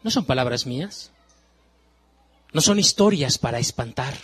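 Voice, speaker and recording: A man preaching a sermon, emphatic, moving from hushed warnings to loud exclamations and repeating phrases. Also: mid-range voice, lively intonation, normal speed, slight background noise.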